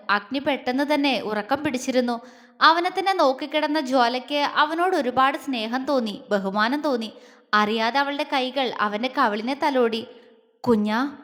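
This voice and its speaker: A woman storyteller reading a serialized romance in a gentle, even manner. Her voice sits high, and a long reverb trails each line. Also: normal speed. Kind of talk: scripted romance narration.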